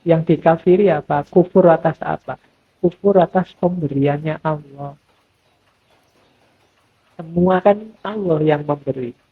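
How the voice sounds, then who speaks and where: A middle-aged man giving a relaxed, conversational mosque lecture as a philosophy teacher. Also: on the high side, a little slow, pauses often, slightly rough. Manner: relaxed conversational preaching, acts out quoted voices. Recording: thin phone-like lo-fi sound.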